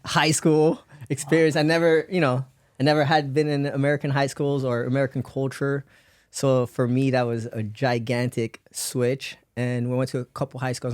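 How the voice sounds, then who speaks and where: A man's voice: medium pitch, a little mellow, dry recording, studio quality. Rambling man telling his life story. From raised in Belgium. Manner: rambling, laughs often, many fillers. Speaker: podcast guest. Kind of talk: casual life-story interview.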